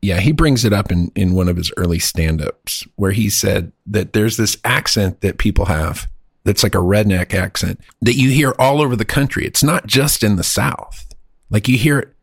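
A man co-hosts a podcast, chatting casually in an animated, rambling way and acting out other people's voices. His fairly low, husky voice has vocal fry and moves at a normal speed. The studio-quality recording has no echo.

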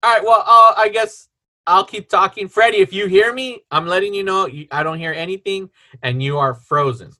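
A man in his late thirties hosting a casual podcast chat over a video call, chatty and quick to laugh. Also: high-pitched, bright, forceful tone. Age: 30s. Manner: chatty, laughs easily, loose filler-heavy talk. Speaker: podcast host.

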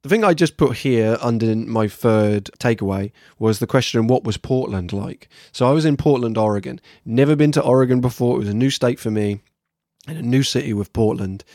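A man's voice: medium pitch, a little fast, darkish tone, no room sound, studio quality. A man from England with an English accent, talking casually and candidly as a solo podcast host reflecting on his work. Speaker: podcast host, workshop trainer.

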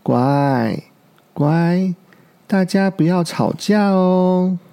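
Brief: tender dinosaur dad from a storybook, slow, dark gravelly voice, soothing, a man acting it. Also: high-pitched, pitched above the performer's own voice, exaggerated voice. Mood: gentle. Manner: soothing, fatherly. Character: doting father tyrannosaurus, gentle and caring.

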